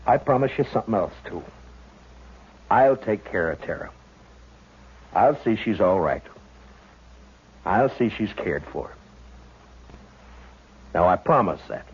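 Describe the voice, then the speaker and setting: An actor playing a steady, authoritative frontier marshal in a radio western, with a terse, measured delivery. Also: male voice, fairly low pitch, breathy edge, full character voice. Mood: earnest, reassuring. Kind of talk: 1950s radio western acting and narration. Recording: muffled, noisy old radio recording.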